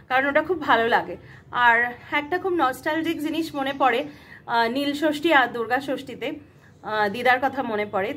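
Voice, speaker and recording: A woman with a high voice chats her way through a casual vlog, explaining things to her viewers and filling pauses as she goes. The recording carries clear background noise. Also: a bit bright. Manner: chatty, explaining to viewers with frequent fillers. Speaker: vlogger.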